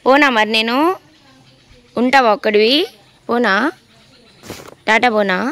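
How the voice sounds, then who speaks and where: A woman's voice: on the high side, fairly even intonation, a little slow, a bit bright. A woman, chatting and teasing her pet dogs in a casual vlog. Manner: teasing, doting talk to dogs.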